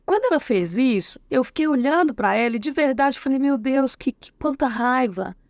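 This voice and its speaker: Middle-aged Brazilian woman, interview guest, raised pitch, dry close sound, animated storyteller who voices the characters. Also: moderate pace, dry recording. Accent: Brazilian Portuguese. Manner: acts out quoted dialogue, frequent tag questions. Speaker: guest educator. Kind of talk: anecdotal storytelling in a casual interview.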